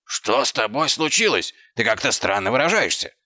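A man's voice: mid-range voice, big pitch swings, normal speed, sharp tone, no echo, studio quality. A man voicing a city watchman who is freezing, stammering and shivering with cold. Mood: urgent.

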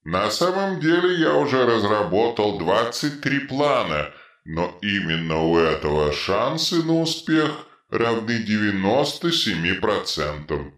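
Big brainy troll guy, done by a man, low and super slow, talks like a professor, echoey room. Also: very animated, fairly bright tone. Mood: pedantic. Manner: slow, measured, pedantic speech. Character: huge male troll, suddenly brainy and precise.

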